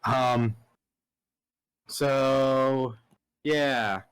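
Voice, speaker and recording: A man's voice: mid-range voice, steady tone, drawn-out words, smooth, no room sound. A man hosting a podcast, animatedly telling a story in casual talk, acting out both sides of conversations and swearing casually. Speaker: podcast host.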